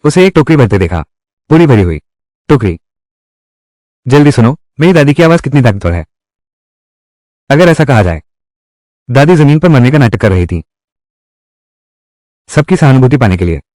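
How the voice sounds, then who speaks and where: A man's voice: medium pitch, very animated, moderate pace, pauses often, darkish tone, dry recording, clean studio sound. A man reading all the character lines of a dubbed drama in one voice. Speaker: voice-over reader of a dubbed drama.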